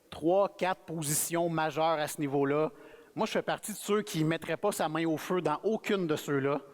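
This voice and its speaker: Man, Québécois accent, guest preacher, relaxed and friendly, high voice, long church reverb. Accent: Québécois French. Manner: relaxed, friendly, self-effacing. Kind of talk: conversational sermon. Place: church sanctuary.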